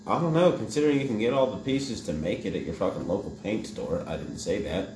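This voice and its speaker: A man with a very low voice rambles through a joke and swears freely in a laid-back podcast chat. The room sounds echoey. Steady noise hums behind him. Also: quick pace. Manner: crude, rambling storyteller. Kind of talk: casual chat and joke telling.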